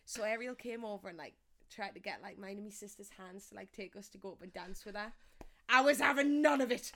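A woman's voice: mid-range voice, quick pace. A young woman, casually telling childhood stories and often laughing mid-sentence. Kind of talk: casual chat.

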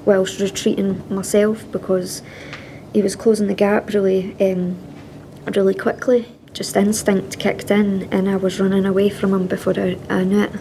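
Woman officer testifying, very flat and dark, gravelly, faint hiss. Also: mid-range voice, moderate pace, low-quality recording. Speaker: police officer giving evidence. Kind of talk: inquiry testimony.

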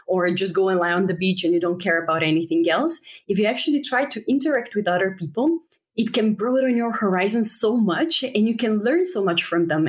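Reflective woman from Slovenia. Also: mid-range voice. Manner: thoughtful, reflective, frequent "you know" fillers. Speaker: guest, travel startup co-founder. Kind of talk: casual interview conversation.

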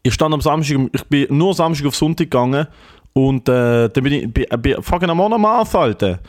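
A man's voice: a little high, lively intonation, a little fast. Man, Swiss German accent, podcast co-host, rambling anecdotes, heavy swearing, ill and worn out. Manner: rambling storyteller, swears a lot, keeps saying "Alter". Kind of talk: casual comedic chat.

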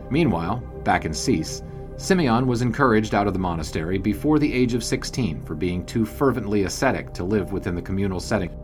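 A low-pitched male actor narrates an audio drama as a wry 1920s sportswriter, telling the story in a wordy, grandiose style.

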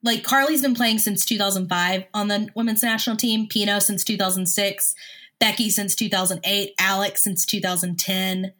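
A woman hosting a casual sports chat in a bright, forward voice at a medium pitch. She lays out her points analytically, and a smoker's cough has her clearing her throat often. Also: fairly even intonation, moderate pace. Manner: analytical, recites player statistics. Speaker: sports talk show host.

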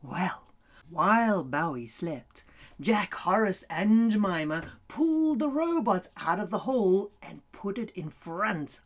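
A woman reading a children's story aloud in an animated way, laughing often and dropping to whispers. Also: medium pitch, slow pace.

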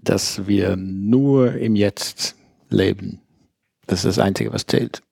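A Dutch-accented man in his fifties speaks slowly and thoughtfully, his voice low, husky and gravelly. The sound is dry and close. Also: darkish tone, no echo. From Netherlands. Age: 50s. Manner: slow, reflective. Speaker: guest. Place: art gallery.

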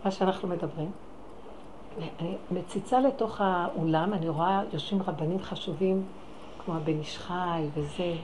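A woman giving an impassioned religious talk, swinging between loud exclamations and hushed, pleading tones. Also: fairly low pitch, background noise. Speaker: religious lecturer.

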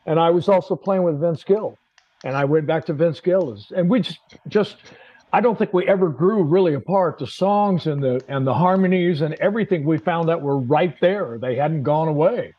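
A man's voice: a little high, normal speed, lo-fi sound. A man guesting on a podcast as a musician, folksy and self-deprecating. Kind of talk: casual interview.

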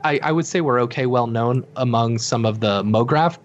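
A young man talking casually as a podcast guest, wandering through his thoughts with lots of fillers and false starts. His voice sits at an ordinary middle pitch. The recording sounds a bit dull and lo-fi. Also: moderate pace. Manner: rambling, full of fillers and restarts. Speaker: guest, company co-founder.

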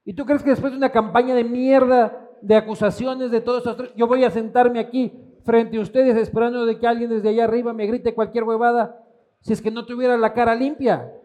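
Man, high pitch, teasing, irreverent, swears casually. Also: level tone, fairly quick, a little mellow. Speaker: talk show host. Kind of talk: casual comedic chat.

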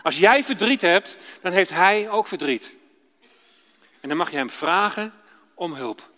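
Male preacher, children's sermon, storytelling tone, high bright voice, long church echo. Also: animated, unhurried. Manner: warm storytelling, addressing children directly.

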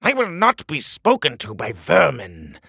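A petty little tyrant king with a shrill, strange voice, arrogant and snarling, as a storyteller puts him on. His pitch climbs high above a normal speaking voice and swings widely, and the voice is a bit husky. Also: wildly swooping pitch, measured pace, pushed and bright, no echo, clean studio sound, heavily acted. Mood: contemptuous.

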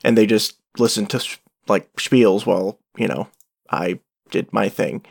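A man's voice: on the low side, creaky, no room sound, studio quality. A man co-hosting a podcast, talking casually with lots of restarts, stammered fillers and small laughs. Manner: halting, many restarts and "uh"s, laughs a lot. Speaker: podcast co-host. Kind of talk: casual chat.

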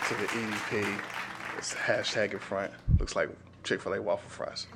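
A man's voice: on the low side, steady tone, normal speed, over a noisy crowd, heavy background noise. A man hosting a podcast, chatting casually and jokingly about fandom in a slangy, profane way. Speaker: podcast host. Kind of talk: casual joking fan chat.

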